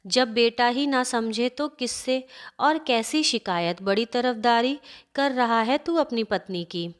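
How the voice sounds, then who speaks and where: A woman's voice: on the high side, unhurried, natural voice. A woman voicing an older mother-in-law who wails and reproaches her son in a family story. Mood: bitter. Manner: wailing, reproachful.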